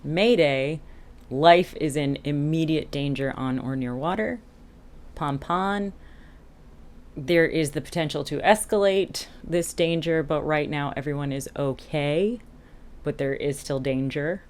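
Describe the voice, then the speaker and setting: A woman who captains a boat and hosts a vlog talks casually, explaining things candidly and tossing in animated, self-deprecating asides. Her voice is low and a little slow.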